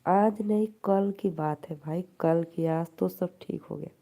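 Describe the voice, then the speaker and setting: A woman's voice: fairly low pitch, unhurried, dark tone. A woman with an Awadhi accent hosting a live stream, chatting casually with viewers, teasing them and laughing often.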